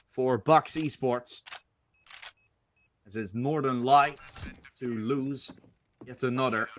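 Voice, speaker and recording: A man's voice: medium pitch, a bit bright, slight background noise. A man doing live esports commentary as a caster, calling the play in short, clipped phrases.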